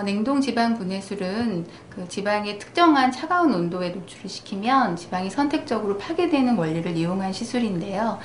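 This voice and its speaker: A woman dermatologist calmly explaining a procedure in formal terms at her clinic. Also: mid-range voice. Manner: calm, measured, formal explanation. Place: clinic consultation room. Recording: echoey clinic room, faint noise.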